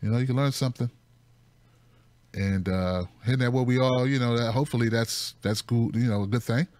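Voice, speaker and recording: A man's voice: medium pitch, fairly quick, a little mellow, no room sound. A man hosting a call-in show, talking loosely with frequent laughs and friendly banter. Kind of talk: casual talk show hosting.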